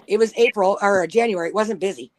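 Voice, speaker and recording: A woman's voice: medium pitch, quick pace, a crowd in the background. A woman telling a long, profane story in a casual chat. She laughs often and acts out the people she quotes.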